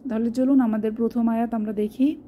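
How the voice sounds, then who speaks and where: A woman teaching Quran recitation step by step, stretching out each recited word slowly before explaining it. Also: fairly high pitch, fairly even intonation, warm tone, a little hiss or hum. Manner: slow, drawn-out demonstration of recited words between explanations.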